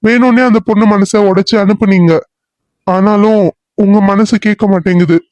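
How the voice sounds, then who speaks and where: A man's voice: sits high, fairly even intonation, moderate pace, darkish tone, no echo, lightly acted. A man voicing a loyal, earnest male police assistant who talks in a coaxing, insistent way in a cartoon serial.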